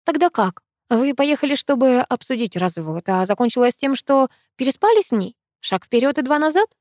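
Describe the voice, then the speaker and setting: A woman's voice: high-pitched, big pitch swings, normal speed, darkish tone, dry recording, clean studio sound, pitched above the performer's own voice. A woman voicing a hurt young female student who presses with pointed questions, in an audiobook. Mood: pressing.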